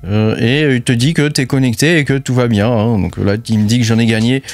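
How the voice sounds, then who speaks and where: A man's voice: mid-range voice, fairly even intonation, fairly quick, dry recording, faint music behind. A man with a French accent casually walking viewers through apps on his screen, chatty and full of fillers. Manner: chatty, lots of fillers and hein, addresses viewer as tu. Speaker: crypto channel host. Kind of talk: casual screen-share walkthrough.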